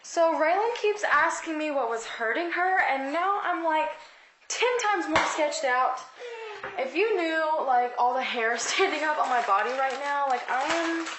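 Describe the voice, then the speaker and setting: Woman vlogger, somewhat high pitch; shaken, rambling home-video storyteller who leans on "like". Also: animated, measured pace, fairly bright tone, roomy sound, a little hiss or hum. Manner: tense, rambling, heavy use of "like". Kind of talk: casual storytelling to camera.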